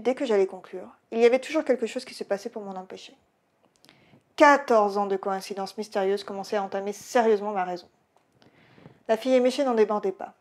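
Woman author narrating her own novel, lively audiobook read. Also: medium pitch. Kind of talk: audiobook reading.

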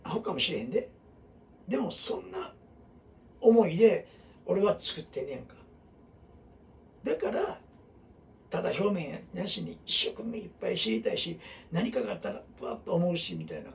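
A man's voice: high voice, big pitch swings, normal speed, vocal fry, pauses often, recorded from a distance, slight background noise. A middle-aged man with a Kansai accent, teaching a group in a rambling, casual way full of fillers and asides. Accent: Kansai Japanese. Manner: rambling, talks in dialect with many fillers and asides. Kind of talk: casual classroom talk.

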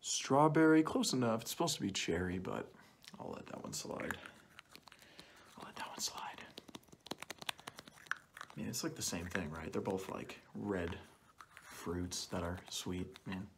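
A young man with a low-pitched voice speaks softly through a cloth mask as an ASMR examiner, a little slowly and with long pauses. He often whispers and repeats short phrases near the microphone. The small plain indoor room setting comes through on a clearly noisy, clicky home recording.

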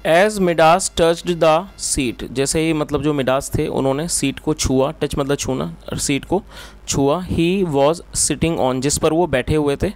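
A man teaching English, reading a story slowly phrase by phrase and then explaining it in quick Hindi. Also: on the high side, fairly even intonation, darkish tone. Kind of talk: bilingual English lesson, reading a story line by line and translating.

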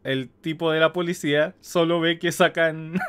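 A man's voice: on the high side, little pitch movement, normal speed, fairly bright tone, clear, resonant tone. A man with a Latin American Spanish accent giving casual, amused reaction commentary. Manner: amused, breaks into chuckles. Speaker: reaction host.

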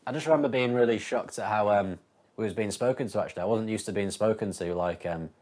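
A man's voice: fairly low pitch, fast talker, darkish tone. A man from Northern Ireland, a former soldier, recalling his army training in loose, filler-heavy storytelling. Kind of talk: casual recollection.

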